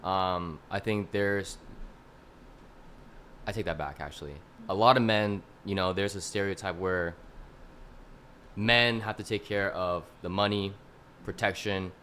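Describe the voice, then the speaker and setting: A man in his twenties, a fitness coach and podcast guest, explaining his views in a measured way with a few "you know"s. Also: deep voice, steady tone, bright, forceful tone, a little hiss or hum. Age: 20s. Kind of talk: casual panel discussion.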